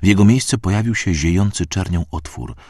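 Deep husky male audiobook narrator. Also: fairly quick, warm tone, dry recording, studio quality. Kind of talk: dark fantasy audiobook narration.

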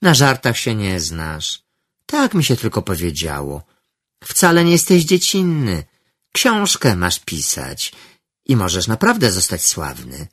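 A man's voice: lowish voice, big pitch swings, slow pace, slightly rough, no echo, studio quality, heavily acted. A man voicing a sly teenage girl in a read-aloud story, coaxing in a honeyed, superior way. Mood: wheedling. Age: about 13. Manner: condescending, then sweetly wheedling.

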